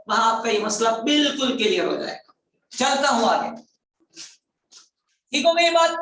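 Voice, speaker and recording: A man teaching a grammar class in a fairly high voice. He repeats terms over and over, asks his students questions and draws words out slowly to stress them. The recording is very echoey, and the voice sounds far from the mic. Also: sharp tone. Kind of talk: online grammar class lecture.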